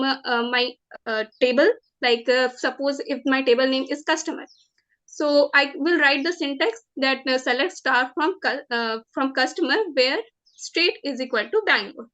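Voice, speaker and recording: A woman in her twenties with an Indian accent, giving formal interview answers as a job candidate in a nervous, halting, hesitant manner. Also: high-pitched, pushed and bright. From Jharkhand, India. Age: 20s.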